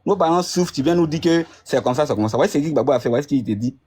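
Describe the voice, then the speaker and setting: A man's voice: on the high side, expressive, fast talker, dark tone, breathy edge. A man in a heated political argument, insistent and repeating himself as he talks over his opponent. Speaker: debate participant.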